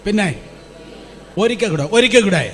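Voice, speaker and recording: A man with a high, lively voice speaks at a normal pace. He's a pastor giving a fervent Pentecostal sermon in a church hall, getting the congregation to call back his lines aloud.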